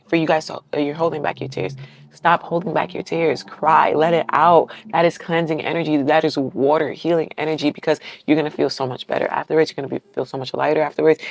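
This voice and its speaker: A woman's voice: low voice, dry recording. A woman giving a casual collective tarot reading to her viewers. She talks in an encouraging, affirming way, keeps checking in with "right?", and is heartfelt, close to tears at times. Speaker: tarot reader.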